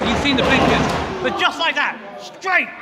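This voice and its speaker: A man giving excited live wrestling commentary, often shouting and repeating phrases for emphasis. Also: very high-pitched, normal speed. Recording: loud music and crowd behind. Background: loud crowd and music.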